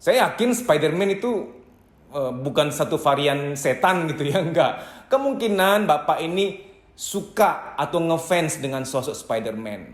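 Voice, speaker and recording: A man's voice: fairly high pitch, animated, measured pace, roomy sound. A man giving a psychology lecture, emphatic and instructive, speaking directly to his listeners. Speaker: psychology trainer. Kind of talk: lecture to camera.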